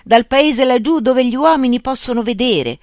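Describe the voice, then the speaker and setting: A man's voice: very high-pitched, normal speed, dry recording, clean studio sound, pitched above the performer's own voice. A reader voicing a confident young man from the outside world who speaks emphatically and proudly, as an audiobook character. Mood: emphatic. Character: confident young mountain traveler.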